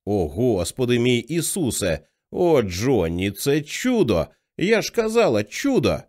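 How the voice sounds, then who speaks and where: A man's voice: medium pitch, wildly swooping pitch, unhurried, a little mellow. A man reading the part of a middle-aged religious mother, fervent and rising to hysterical cries. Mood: ecstatic. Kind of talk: audiobook character reading.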